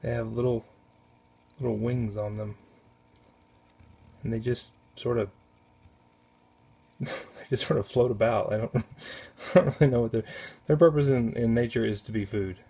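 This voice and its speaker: Male hobbyist, low gravelly voice, loose off-camera vlog commentary, halting and self-correcting, home bedroom on a camera mic. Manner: relaxed, halting, with many restarts and self-corrections. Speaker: aquarium hobbyist. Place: spare upstairs bedroom at home.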